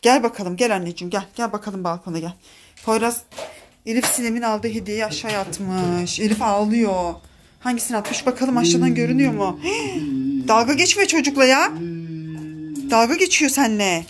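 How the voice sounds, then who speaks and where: Animated high-voiced young mother. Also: moderate pace. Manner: soothing and coaxing with frequent gasps of surprise. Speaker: mother filming her children. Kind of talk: casual family home video. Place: family home, near a balcony. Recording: noisy home phone recording.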